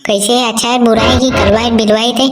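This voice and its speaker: A woman voicing cartoon characters with a Chhattisgarhi accent, trading rough, teasing banter. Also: on the high side, flat delivery, quick pace, noisy background. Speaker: cartoon voice artist. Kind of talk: comic cartoon dialogue.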